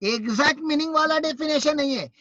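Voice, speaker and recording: A man with an Indian accent teaching an online class, lively and teasing as he quizzes his students. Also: extremely high pitch, brisk, dry recording, lo-fi sound.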